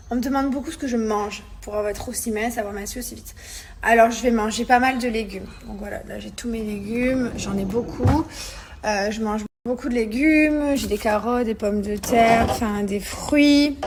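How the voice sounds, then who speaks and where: Fields: Soft-spoken woman influencer, phone story. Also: normal speed, a little hiss or hum. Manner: soft, low-key, mocking chatter. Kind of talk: casual social media story.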